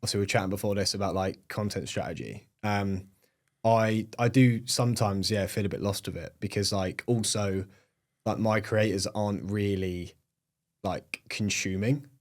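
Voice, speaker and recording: A young Englishman with a British accent talks easily as a podcast guest. His voice sits a little low, and his speech is loose and full of fillers like "like" and "um". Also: moderate pace. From England. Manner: chatty, many fillers like "like" and "um". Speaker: guest, agency owner. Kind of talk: casual podcast interview.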